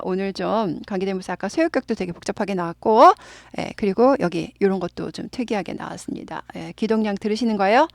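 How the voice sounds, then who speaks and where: A woman's voice: medium pitch, dry recording, studio quality. A woman teaching English grammar in Korean, patiently explaining and stretching out key words, with many short "yes" fillers.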